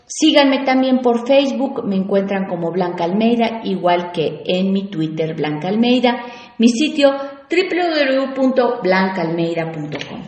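A woman's voice: mid-range voice, lively intonation, a little slow, a little mellow, heavy reverb. A woman hosting a radio talk show on personal growth, speaking reflectively and asking her listeners questions.

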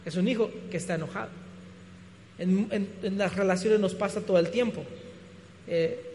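A man preaching a sermon, animated and full of rhetorical questions, often restarting his words. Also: high voice, moderate pace, a little hiss or hum. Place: church hall. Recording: reverberant hall.

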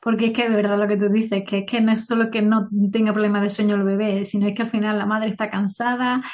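A woman's voice: medium pitch, little pitch movement, quick pace, darkish tone, lo-fi sound. A woman hosting a family podcast, opening with a read introduction and then chatting with her guest as a welcoming interviewer. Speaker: podcast host.

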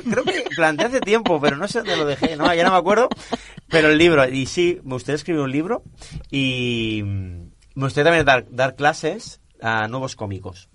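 Animated, laughing man. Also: on the high side, moderate pace, no room sound, clean studio sound. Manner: animated storyteller, laughs often. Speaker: stand-up comedian and guest. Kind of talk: casual interview chat.

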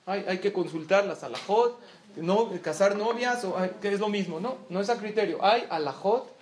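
A man's voice: high voice, normal speed. A man giving a religious talk, telling a story and acting out the dialogue, in an echoey room. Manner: animated storytelling, acts out dialogue. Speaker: religious lecturer. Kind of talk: storytelling lecture.

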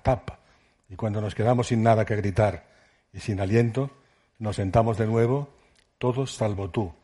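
A man with a low, mellow voice reads a literary passage aloud in a measured way. He gives the shouted words in the story some life. It is recorded at an auditorium event. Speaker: reader of a novel excerpt.

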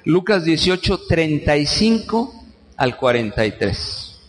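A male pastor with a Mexican accent delivers an animated sermon, regularly turning questions out to his congregation. His voice sits fairly high for a man. It carries a long reverb that fills the church hall. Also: slow, slight background noise.

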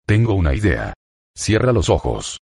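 A man's voice: sits low, sing-song, normal speed, creaky, darkish tone, slightly rough, no room sound, clean studio sound, heavily acted. A man reading the lines of a cocky young pick-up artist, playful but plainly read.

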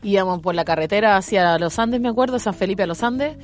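A woman with a Chilean accent, co-hosting a radio show in casual chat and telling animated stories with plenty of laughter. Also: medium pitch, a little fast. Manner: animated storyteller, laughs often. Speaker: radio co-host. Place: radio studio.

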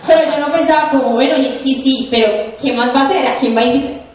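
A young woman giving an animated, emphatic motivational testimony to an audience, telling her story. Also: sits high, fast talker. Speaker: network marketing speaker. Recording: echoey hall.

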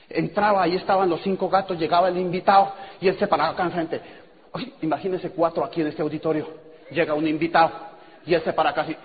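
A man telling a story to a seminar audience in an auditorium, acting out dialogue and laughing often. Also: fairly high pitch. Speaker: speaker at a business seminar. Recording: echoey hall over a tinny, noisy line.

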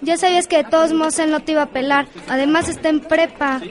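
A blunt, high-voiced teenage schoolgirl played by a woman in an educational radio drama. Crowd chatter fills the background. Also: steady tone, quick pace, lightly acted. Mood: frank. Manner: frank, down-to-earth. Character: teenage girl Sofi, frank and teasing.

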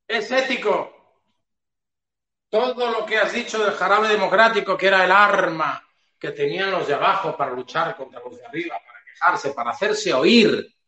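A man's voice: sits high, bright, forceful tone, echoey room. A man hosting a political commentary livestream, talking in a sarcastic, mocking way and addressing his target directly. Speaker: stream host.

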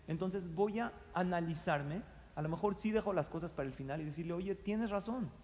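A middle-aged man with a Mexican accent speaks in a fairly high voice, talking his listeners through everyday advice. He acts out little quoted exchanges with lively energy. His voice carries a long, hall-like reverb. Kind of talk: conversational advice talk.

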